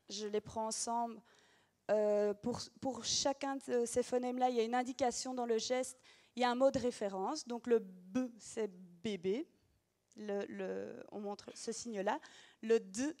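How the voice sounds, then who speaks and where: A woman's voice: on the high side, steady tone, moderate pace, a little mellow. Patient woman explaining phonetic gestures. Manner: patient, with frequent hesitations. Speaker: teacher demonstrating reading gestures. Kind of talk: explanatory demonstration.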